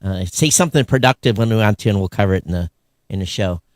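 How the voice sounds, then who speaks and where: A man's voice: lowish voice, fast talker, no room sound, clean studio sound. A man co-hosting a live podcast, rambling and grumbling like an old curmudgeon while he chats and reads out listener comments. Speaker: podcast co-host.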